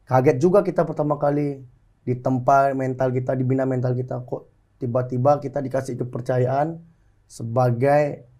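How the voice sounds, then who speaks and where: A man's voice: mid-range voice, steady tone, moderate pace, warm tone. Earnest young man from Bali. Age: 20s. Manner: earnest, often adds "Kak" to phrases. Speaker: soldier and pencak silat athlete. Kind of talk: casual interview answers.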